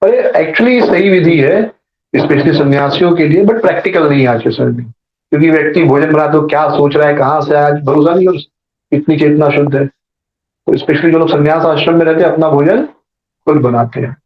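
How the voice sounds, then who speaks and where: A man's voice: a little high, normal speed. A man giving a sermon as a storyteller, acting out the voices in his story and adding joking asides. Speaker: preacher. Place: temple hall. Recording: echoey dull temple hall recording.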